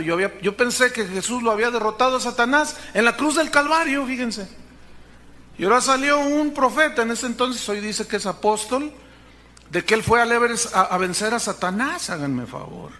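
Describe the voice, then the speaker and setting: A man's voice: high voice, bright, forceful tone. A male pastor, preaching a sermon emphatically and asking the congregation rhetorical questions.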